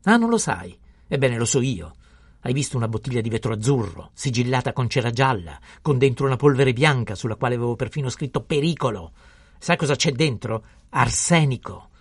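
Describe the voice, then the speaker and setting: A man reading an audiobook, voicing an irate, pompous middle-aged village pharmacist who scolds his assistant in a loud, raised voice. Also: sits low, little pitch movement, moderate pace, gravelly, slightly rough, no echo, clean studio sound, exaggerated voice. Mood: furious ranting. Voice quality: shouting, scolding, indignant. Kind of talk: audiobook character voice.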